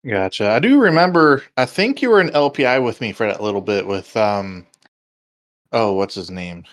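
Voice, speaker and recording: A man's voice: on the low side, lively intonation, normal speed. A man from Canada hosting a podcast interview, asking questions in a casual, playful way. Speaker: host.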